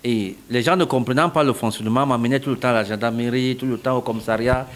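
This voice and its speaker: Speaking quickly and with fairly even intonation at medium pitch, this middle-aged Cameroonian founder responds to an interviewer. He walks through his points step by step, repeating phrases to stress them.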